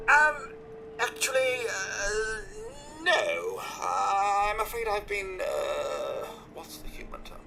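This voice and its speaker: A man voicing a pompous, smooth-talking male robot servant in a video game, with an overly polished, self-satisfied delivery. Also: high voice, huge pitch swings, slow pace, background noise, heavily acted. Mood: theatrical. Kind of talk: video game character dialogue.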